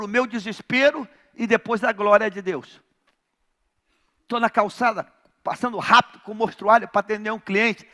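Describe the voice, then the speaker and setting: A male pastor from Brazil with a Rio de Janeiro accent, preaching a sermon in a large church, telling a story dramatically and swinging between shouts and near-whispers. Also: sits high. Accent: Rio de Janeiro Portuguese.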